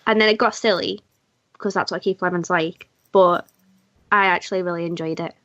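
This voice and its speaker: A woman co-hosting a podcast, chatting in a relaxed and candid way. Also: fairly low pitch, fairly quick, no room sound. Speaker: podcast co-host. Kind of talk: casual chat. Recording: dull lo-fi podcast mic.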